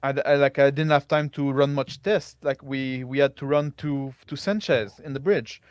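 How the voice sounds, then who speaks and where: Man in dry sound, halting game role-play. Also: mid-range voice, steady tone, clear, resonant tone, dry recording. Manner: halting, repeats words. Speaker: tabletop game player. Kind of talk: casual in-character role-play.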